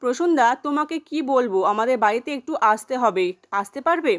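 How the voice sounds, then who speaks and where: A woman's voice: fairly high pitch, lively intonation, brisk, natural voice. A woman voicing a worried, hesitant young woman calling on the phone in a retold serial scene.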